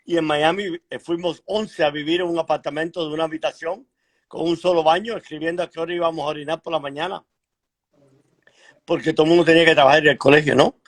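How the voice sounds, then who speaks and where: A man's voice: fairly high pitch, fairly even intonation. Man telling his story on a call. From Cuba. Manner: frank, measured, frequent hesitations and throat clearing. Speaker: guest author. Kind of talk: conversational interview storytelling. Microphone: video call.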